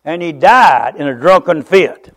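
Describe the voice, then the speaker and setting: A man's voice: fairly high pitch, animated, a little slow. A man with an Appalachian accent preaching in a folksy, plain-spoken way, stretching out his key declarations for emphasis. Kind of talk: sermon.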